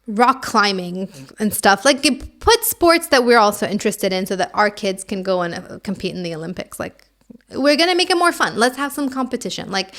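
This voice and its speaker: Chatty gulf woman hosting a podcast, giggles a lot, says like constantly, kinda high voice. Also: a bit bright. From Gulf region. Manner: chatty, giggly, rambling, lots of "like". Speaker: podcast host. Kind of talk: casual chat.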